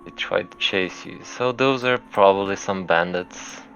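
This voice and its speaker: A man voicing a calm, bored young female fox spirit in a tabletop role-play, speaking in a measured, polite way. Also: deep voice, vocal fry, lo-fi sound, soft background music, heavily acted. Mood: cautious.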